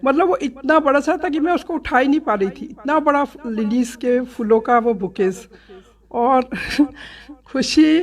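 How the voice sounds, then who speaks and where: A middle-aged woman telling a devotional story from a satsang visit, animated and laughing, acting out many quoted exchanges. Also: on the high side. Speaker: devotee sharing a satsang experience. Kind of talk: storytelling testimony.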